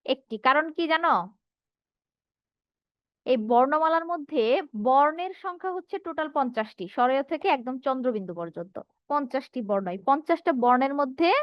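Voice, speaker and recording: A woman's voice: sits high, dry recording, muffled recording. A woman teacher giving an online class, reading out her students' answers and asking rhetorical questions, speaking with a Bangladeshi Bengali accent.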